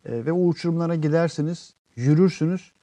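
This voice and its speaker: A man with a dark, mellow tone hosts a casual live stream, reading out viewer comments and explaining at length. He sounds earnest and unhurried and often drifts off with long fillers. The sound is close and dry. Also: on the high side, no room sound.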